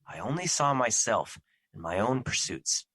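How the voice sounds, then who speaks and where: An actor in an audio drama playing Fear personified, a solemn, protective immortal who speaks formally and earnestly, full of remorse. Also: male voice, mid-range voice, very animated, normal speed, a bit bright, husky, no echo. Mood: remorseful, reflective. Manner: formal, stilted, earnest phrasing without contractions.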